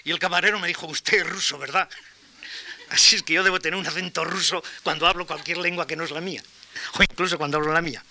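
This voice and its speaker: An older man from Spain with a Castilian accent, giving an academic lecture in a measured, anecdotal way with pauses and restarts. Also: a little high, fairly even intonation, sharp tone. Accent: Castilian Spanish.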